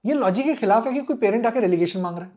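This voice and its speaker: A middle-aged man, a former fighter pilot and interview guest, telling a story in a lively way, acting out the quoted voices and mixing English phrases into his talk. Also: sits high, racing.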